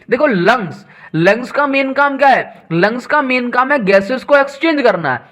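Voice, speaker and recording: A man giving a science revision lesson to school students. He mixes Hindi with English science terms, repeats key words and asks quick questions back to the class. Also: high-pitched, a bit bright. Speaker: teacher.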